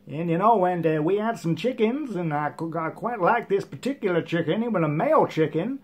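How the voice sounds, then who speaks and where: Man putting on a high-pitched, rambling ghost hunter. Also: animated, fairly quick, a little mellow, breathy edge. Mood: earnest, reminiscing. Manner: hesitant, rambling, repetitive. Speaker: paranormal investigator guest. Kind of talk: parody news interview. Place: TV studio couch.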